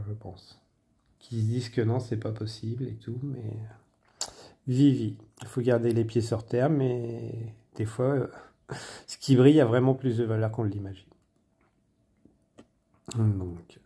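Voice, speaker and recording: Man, medium giving a reading, gravelly, very dark tone, hesitant with fillers, trails into near-whispers. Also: mid-range voice. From France. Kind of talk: spontaneous spoken guidance.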